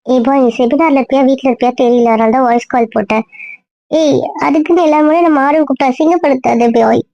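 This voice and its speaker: Brief: woman as a fretful caller, very high voice. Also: fast talker, gravelly, mellow, no echo, highs cut off. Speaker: friend who calls on the phone.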